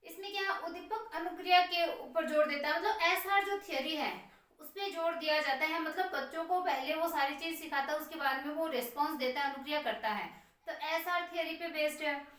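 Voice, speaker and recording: A woman's voice: sits high, fairly quick, a bit bright. A woman teaching a class, explaining a lesson and answering her own questions while writing on the board. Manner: writes on a board while speaking. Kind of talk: classroom lecture. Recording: very echoey room, far from mic.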